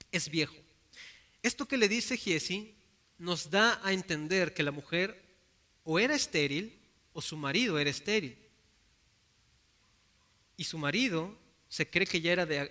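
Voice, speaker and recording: A man's voice: high-pitched, sharp tone. A man with a Mexican Spanish accent preaching a sermon in an earnest way, acting out the people in his Bible stories.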